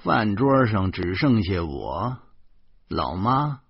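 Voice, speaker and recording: A deep male voice narrates an audiobook in the first person at an unhurried pace. His delivery is lively and rises and falls a lot. The sound is husky, dry and a little dull. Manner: lively storytelling with dialogue.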